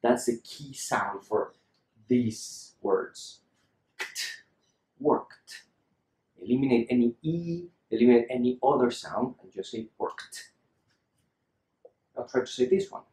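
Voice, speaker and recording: A man's voice: medium pitch, lively intonation, moderate pace, warm tone, reverberant. A man teaching English pronunciation in a patient lesson style, repeating example words for the learner to copy.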